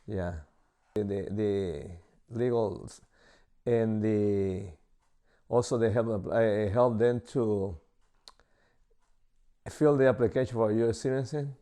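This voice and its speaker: A Salvadoran man in his sixties answers interview questions in halting English, his Salvadoran Spanish accent clear. He pauses a lot, fills gaps with "uh," and restarts often. His voice is on the low side, with a warm tone.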